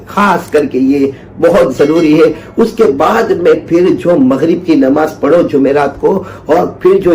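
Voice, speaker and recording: A man's voice: on the high side, darkish tone. A man preaching an earnest religious talk, repeating phrases for emphasis and telling a story. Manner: chants Quranic verse slowly. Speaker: Islamic preacher.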